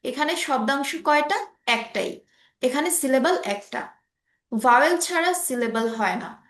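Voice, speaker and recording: Patient high-voiced woman teacher, roomy sound. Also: animated, measured pace, fairly bright tone. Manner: patient, often checking understanding. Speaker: English teacher. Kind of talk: online class explaining English grammar. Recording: roomy echo.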